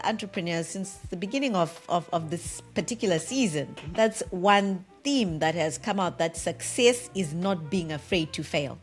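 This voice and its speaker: A woman hosting a podcast interview, asking measured, thoughtful questions. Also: mid-range voice. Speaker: podcast host.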